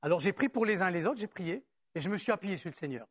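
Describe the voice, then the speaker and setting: This high-pitched, husky male voice belongs to a pastor delivering an animated sermon in church, chatting easily and directly with his people. He keeps throwing out rhetorical questions. His pace becomes slower and more deliberate when he reads from a passage.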